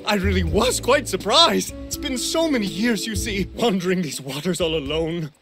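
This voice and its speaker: An actor playing an eccentric, refined old skeleton musician in an anime dub, joyful and a little manic. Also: male voice, high-pitched, animated, normal speed, music in the background. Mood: polite, amused.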